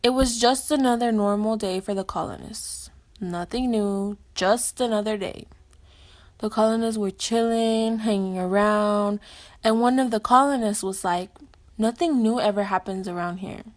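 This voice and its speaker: A woman's voice: medium pitch, fairly even intonation, a little slow. A woman narrating a jokey homemade story in a sarcastic, playful way.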